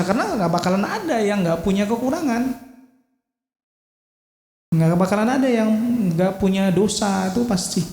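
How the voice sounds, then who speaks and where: A man teaching a religious study lecture in a mosque hall. He talks in a lively way and acts out parents scolding their children. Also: high voice. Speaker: Islamic teacher. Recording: echoey hall.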